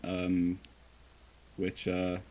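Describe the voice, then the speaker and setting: A podcast guest from southwest England chats casually about himself in a West Country accent, sounding informal and a little hesitant. His voice sits low and is a little mellow, delivered in a monotone with drawn-out words.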